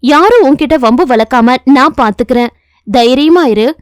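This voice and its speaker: A warm, motherly village woman in her thirties, as a woman puts her on for a storybook reading. Her voice sits lower and softer, soothing and patient, with a steady firmness underneath. The sound is close and dry, with no room in it. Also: moderate pace, no echo. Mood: gentle. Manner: gentle and soothing, firm with others.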